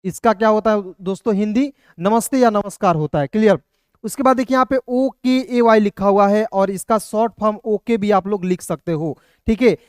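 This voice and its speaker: A man teaching a video lesson, explaining patiently step by step, often asking his viewers a quick question and then answering it himself. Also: high-pitched, smooth, no echo, clean studio sound. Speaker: English teacher.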